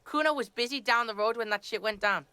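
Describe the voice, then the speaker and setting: A woman's voice: on the high side, fast talker, pushed and bright, clean tone, no room sound. A woman voicing a swearing, hostile twelve-year-old boy who speaks of himself in the third person, in a video game. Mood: belligerent.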